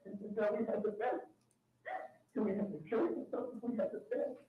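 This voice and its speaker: A woman's voice: on the high side, fairly quick. A woman heard on a played-back recorded phone call, talking urgently and repeating herself. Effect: recorded jail phone call played back. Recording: distant muffled phone playback, heavy room echo.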